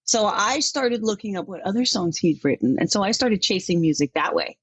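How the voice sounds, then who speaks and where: Husky Danish-raised woman chatting. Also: mid-range voice, a little fast, no echo. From Denmark. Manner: chatty and animated, laughs often. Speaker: country music artist, guest. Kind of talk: casual interview talk.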